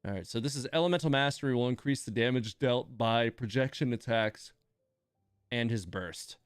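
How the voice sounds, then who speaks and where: Faint music plays behind a livestream host who reads game text and thinks aloud about the details, slipping in asides. He speaks at normal speed with a medium-pitched, clean voice in a dry, studio-quality recording.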